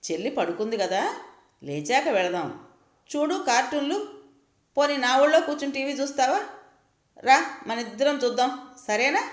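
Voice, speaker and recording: A woman voicing a gentle older grandmother softly coaxing her grandson in a storybook reading. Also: sits high, big pitch swings, normal speed, pauses often, roomy sound, voice pushed up. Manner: soft, coaxing.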